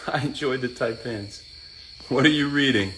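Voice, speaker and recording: Slow-talking bright-voiced man greeting viewers. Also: mid-range voice, slight background noise. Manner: reads out viewers' names and greets each one; chats while working out. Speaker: live-stream host. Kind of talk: casual live-stream chat.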